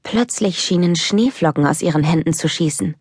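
A woman narrating a children's audiobook in a calm, even storytelling manner, recorded close in a studio. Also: low voice, normal speed, husky, dry recording.

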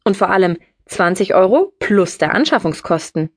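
A woman's voice: medium pitch, expressive, normal speed, no room sound, studio quality, close to an everyday voice. A woman voicing a streetwise young woman who talks bluntly and breezily in an audiobook. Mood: breezy. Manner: blunt, breezy, matter-of-fact.

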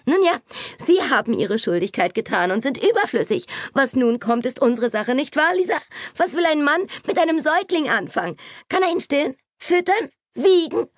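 A woman voicing an excitable, chattering young pregnant woman in an audiobook, gushing and breathless. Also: moderate pace, dry recording, studio quality. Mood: teasing. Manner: breathless, gushing, high-pitched. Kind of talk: audiobook character voice.

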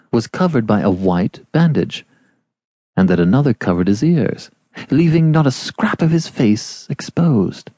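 A man's voice: mid-range voice, dark tone, slightly rough, no echo. A man narrating a classic novel as an audiobook, shaping each phrase expressively.

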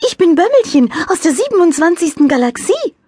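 A woman voicing a cheerful little child angel with a delicate, high voice who speaks overly clearly. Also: sing-song, brisk, mellow, no room sound, studio quality. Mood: bright, eager.

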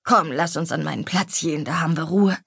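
A woman voicing a stout, older female cook who is bossy but motherly, fussing and scolding warmly. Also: low-pitched, a little fast, gravelly, slightly rough, no echo, studio quality, heavily acted.

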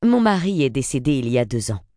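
A woman's voice: extremely low pitch, big pitch swings, fast, dark tone, no echo, studio quality. A woman reading an audiobook, voicing a confident, friendly woman in her forties. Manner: poised, friendly.

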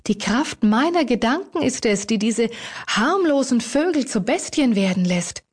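A terrified lady of a country manor, pitched high and near tears, as a woman narrator puts her on. She pleads in a husky, strained voice, as if barely holding herself together. An audiobook figure. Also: lively intonation, a little slow. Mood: anguished. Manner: sobbing, pleading, high-strung.

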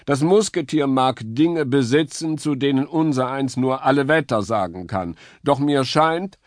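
A man's voice: medium pitch, a little slow, no echo, clean studio sound, pitched above the performer's own voice, natural voice. A man voicing a stately male stag in a children's audiobook, speaking in a solemn, old-fashioned way.

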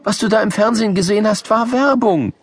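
A man's voice: sits high, fast talker, slightly rough. A man voicing a sensible, doubting schoolgirl in a children's audiobook, reasoning and skeptical. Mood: insistent.

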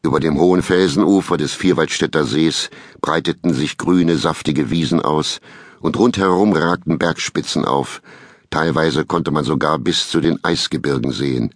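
A man calmly narrating a children's storybook in a measured way. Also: a bass voice, no room sound, clean studio sound. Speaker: audiobook narrator.

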